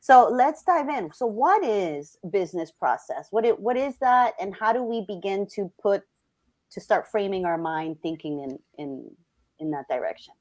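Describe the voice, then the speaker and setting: A woman's voice: mid-range voice, expressive, normal speed, darkish tone. A woman from Colombia hosting a casual live-stream interview, chatty and upbeat, often restarting her sentences. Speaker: host.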